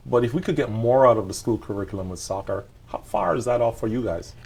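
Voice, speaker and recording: A man's voice: medium pitch, animated, fast, gravelly, a little mellow, breathy edge. A man hosting a radio sports talk show in the studio, asking long, conversational questions.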